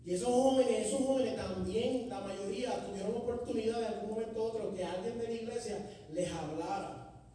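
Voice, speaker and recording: A man preaching a sermon testimony in a church, swinging from loud exhortation to hushed storytelling. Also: high voice, a little fast, slight background noise. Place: church sanctuary. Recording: echoey hall, distant mic.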